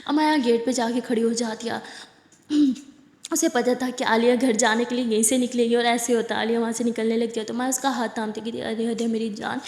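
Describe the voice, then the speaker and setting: A woman narrates a love story in a chatty, casual way, dropping jokey asides. Her voice sits fairly high, and the room gives it a long, echoing reverb. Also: fairly even intonation, a little mellow.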